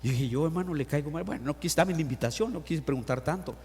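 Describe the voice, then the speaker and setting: A middle-aged male pastor delivers a lively sermon with a fairly high voice. He acts out scripture and asks his congregation questions. His voice rings with the long reverb of a church hall. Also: quick pace, slight background noise. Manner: animated, acts out Bible quotes and stories, asks the congregation questions. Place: church sanctuary.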